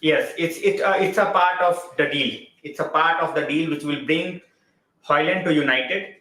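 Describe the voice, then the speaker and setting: A man with an Indian English accent hosts a casual live stream, chatting loosely and greeting viewers by name. His voice is bright and forward. The room adds a clear echo around it. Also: on the high side, normal speed. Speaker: football live-stream host.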